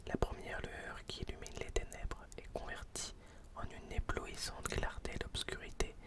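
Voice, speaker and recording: Whispering man, right in your ear. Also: far from the mic. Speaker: ASMR video host presenting old books. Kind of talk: whispered ASMR. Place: indoors at home. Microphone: close binaural microphone.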